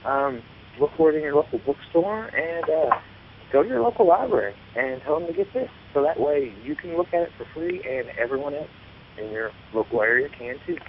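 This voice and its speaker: A man's voice: a little high, expressive, a little fast. A man with a Kentucky Appalachian twang chats casually as co-host of a tech show. The audio is thin and phone-like, with a faint hiss behind him. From Kentucky, United States.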